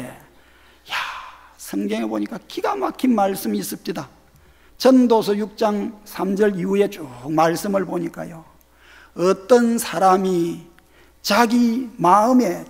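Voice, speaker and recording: Man, Gyeongsang accent, pastor, sermon, gravelly voice, swooping pitch, asks the congregation questions. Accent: Gyeongsang Korean. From Geoje Island, South Korea. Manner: animated and conversational, questions to the congregation. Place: church sanctuary. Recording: long church hall reverb.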